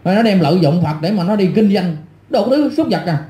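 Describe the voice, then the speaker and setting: A middle-aged man hurls insults in an angry, repetitive rant, his voice sitting high but sounding dark and mellow. He talks like an online commentator tearing into his critics. The sound bounces around a roomy, echoey space. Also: animated, fast talker. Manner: insulting, scornful, repetitive ranting. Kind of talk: angry ranting monologue.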